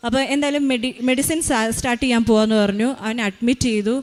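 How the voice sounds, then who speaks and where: A woman's voice: a little high, rapid-fire. A woman in her thirties giving a spoken faith testimony as a mother, retelling events earnestly with many hesitations.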